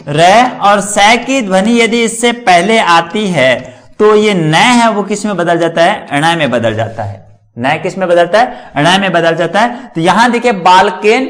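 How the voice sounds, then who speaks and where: Male grammar teacher, high voice, question-and-answer drilling style, repetitive. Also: a bit bright. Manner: asks and answers his own questions; drills word endings by repetition. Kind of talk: classroom lecture.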